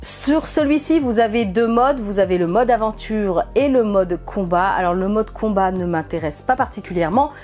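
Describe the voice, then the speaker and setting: A woman's voice: mid-range voice, expressive, normal speed, hardly any pauses, darkish tone, faint music behind. A young woman hosting her own gaming vlog, chatting enthusiastically and giggling often. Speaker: gaming vlogger. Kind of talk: casual vlog chat.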